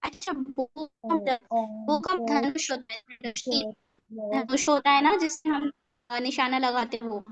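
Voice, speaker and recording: A woman teaching an online class over a breaking-up call connection. She explains slowly and repeats herself, often asking if students follow. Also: high voice. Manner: slow, repetitive explaining, asks checking questions. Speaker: English teacher. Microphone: video call. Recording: muffled, dry online call audio.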